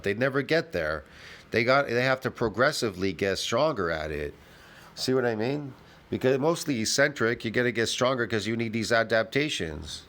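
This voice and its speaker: A man's voice: fairly low pitch, fairly bright tone. A man giving blunt, casual commentary as he reacts to a clip, brash and argumentative, swearing freely.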